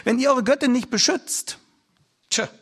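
A man's voice: very high-pitched, unhurried, a bit bright, breathy edge, pitched above the performer's own voice, exaggerated voice. A man in a sermon acting out a good-natured apostle who teasingly agrees with an opponent. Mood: amused.

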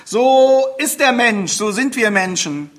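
Bright-voiced, emphatic male preacher. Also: very high-pitched, expressive, slow. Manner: emphatic, repeats words, rises to forceful appeals. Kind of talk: sermon.

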